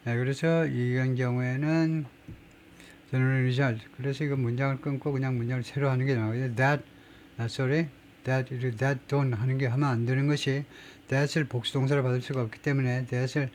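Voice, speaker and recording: A man's voice: medium pitch, a little mellow. A middle-aged man teaching English grammar in an emphatic, explanatory lecture, reading English example sentences aloud.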